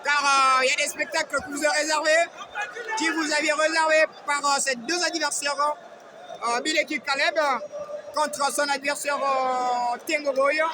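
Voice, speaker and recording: A man giving excited, emphatic live boxing commentary like a ring announcer, often calling out names. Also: extremely high pitch, moderate pace. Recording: noisy live event with loud crowd. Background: crowd noise.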